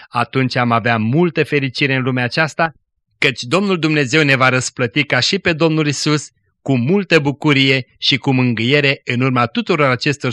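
Preacher guy doing a radio sermon, earnest storytelling, bright voice, dry close mic. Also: mid-range voice, no echo.

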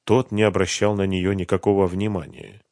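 A man narrating an audiobook in an even, measured reading. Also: deep voice, no echo, studio quality. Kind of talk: scripted narration of a thriller novel.

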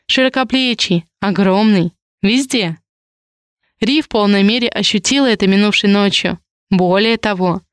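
A woman narrating an audiobook in an even, measured reading style. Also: medium pitch, clean tone, no echo, studio quality.

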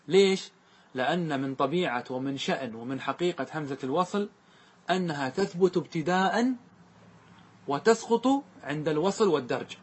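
Male teacher, slightly husky, higher voice, checks in with the class often. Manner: questioning students, repeating answers. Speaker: teacher explaining grammar verses. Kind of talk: classroom lesson.

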